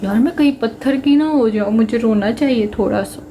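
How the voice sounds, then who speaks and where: A woman's voice: fairly high pitch, brisk, mellow, a little hiss or hum. A young woman with a Punjabi accent, chatting and joking with viewers on a casual livestream. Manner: chatty, joking and self-mocking, mixing Punjabi into Hindi. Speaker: livestream host.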